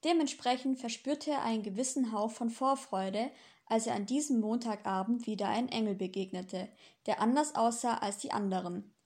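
A woman reads a novel chapter aloud as narrator. Her voice sits somewhat high. She tells the story in a steady, expressive way. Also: moderate pace. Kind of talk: audiobook narration.

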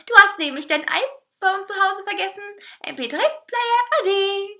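Woman doing a talking cake, male diva, squeaky high voice, swooping, bright sharp tone, mocking. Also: animated, normal speed. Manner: shrill, mocking, theatrical.

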